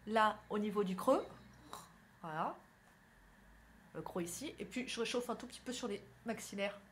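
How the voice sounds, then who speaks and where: A woman's voice: mid-range voice, moderate pace, a little hiss or hum. A young woman from northern France, chatty and self-mocking, talking through her makeup routine in a casual tutorial. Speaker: beauty vlogger. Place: indoors at home, by a window.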